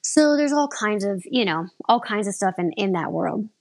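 Husky woman chatting in a rambling way. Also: medium pitch, normal speed. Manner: lively, rambling, restarts sentences often. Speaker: aerial performer, guest. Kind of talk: casual interview chat.

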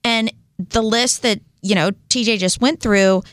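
A woman's voice: fairly high pitch, measured pace, no echo. A woman co-hosting a health talk show, agreeable and explanatory in a casual way.

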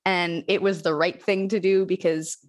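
A young woman speaking openly and reflectively as an interview guest, with soft laughs. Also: lowish voice, flat delivery, moderate pace. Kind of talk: candid personal interview.

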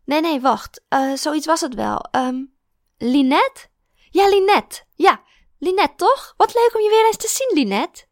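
A tipsy, tearful old kindergarten teacher, as a woman narrator puts her on, rambling in a raised, excitable pitch with a gravelly edge. She sounds dry and close, with little room around her. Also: measured pace, dry recording. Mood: excited.

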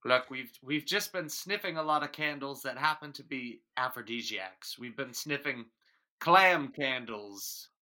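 A man in an improv comedy scene, calmly proposing absurd deals in a deadpan way. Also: medium pitch, measured pace. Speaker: improv performer.

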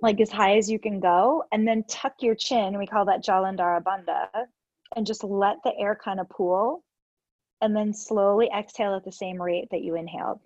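A woman's voice: mid-range voice, fairly even intonation, moderate pace, darkish tone, no room sound, muffled recording. A woman with a stuffed-up nose, casually explaining breathing exercises step by step with lots of "like" fillers. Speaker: yoga teacher guest. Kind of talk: casual instructional chat.

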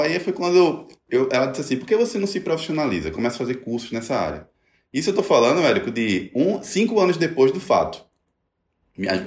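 Animated man in an echoey room. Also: a little high. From Brazil. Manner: animated, acts out quoted voices. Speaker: guest telling his story. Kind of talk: personal story in a conversation.

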